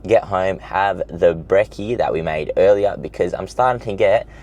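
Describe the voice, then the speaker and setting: A man's voice: low voice, moderate pace, darkish tone, lo-fi sound. A young man, an online fitness coach chatting upbeat and casual straight to his viewers in a day-in-the-life vlog.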